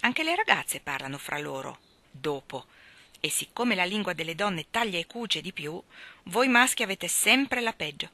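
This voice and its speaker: A woman's voice: lowish voice, big pitch swings, normal speed, pushed and bright, no room sound, heavily acted. A woman reading the lines of a frank young woman in a storybook audiobook, earnest and mildly scolding.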